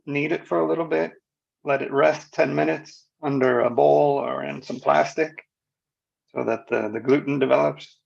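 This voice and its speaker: A man's voice: on the high side, creaky, a little mellow, breathy edge. Breathless man cooking on a lo-fi line. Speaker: cooking segment presenter. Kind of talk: casual cooking commentary. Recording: dull lo-fi remote line.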